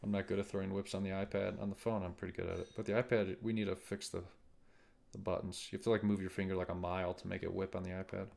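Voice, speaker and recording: Low gravelly man, casual. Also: fast. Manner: relaxed, chatty, playful. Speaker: game developer streaming. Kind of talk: casual chat while gaming.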